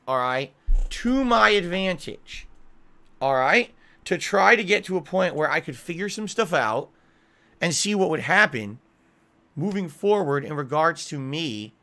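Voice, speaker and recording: A middle-aged American man streams a casual monologue to viewers, explaining things emphatically and aggrieved, with frequent check-in tags. His voice is fairly high, bright and forceful, captured close on a pop-filtered desk mic in a small foam-treated home room.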